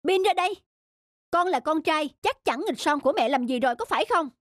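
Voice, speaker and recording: A performer voicing a strict, quick-tempered young stepmother in a children's cartoon, with a sharp, scolding way of talking. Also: high voice, expressive, dry recording, clean studio sound.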